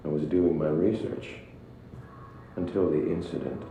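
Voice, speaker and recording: An actor playing a guarded, eerily detached male scientist in a video game, halting and evasive in his speech. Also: fairly even intonation. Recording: muffled, very echoey, faint rumbling noise.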